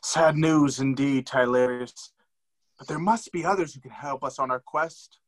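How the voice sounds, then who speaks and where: A man's voice: mid-range voice, normal speed, lightly acted. A man playing an earnest questing hero who speaks in mock-formal tones that slip into plain talk. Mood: solemn.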